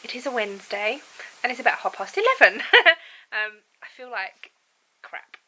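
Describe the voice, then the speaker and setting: A vlogger with a cold and a froggy, bunged-up throat chats to camera from home, rambling casually and laughing often. Her voice is on the high side, pushed and bright, at a normal speed, and the recording is rough.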